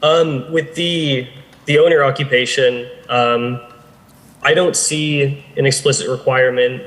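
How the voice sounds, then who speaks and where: A male staff planner answers the council's questions with pauses and fillers. He talks very slowly. His voice carries a long reverb. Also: mid-range voice, a bit bright. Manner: halting and hesitant, many fillers.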